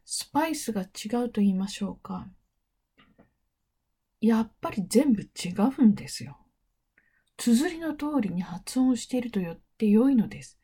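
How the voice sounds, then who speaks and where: A middle-aged woman explains things in a calm, unhurried lecture. Her voice is warm and mellow with a husky edge, and now and then she sinks to a near whisper. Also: fairly high pitch. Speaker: English interpreting teacher.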